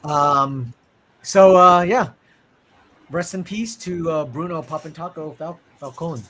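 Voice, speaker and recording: A man's voice: a little high, slow, sharp tone. A man hosting a casual podcast, reading out news items in a loose, chatty way with plenty of fillers. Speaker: podcast host.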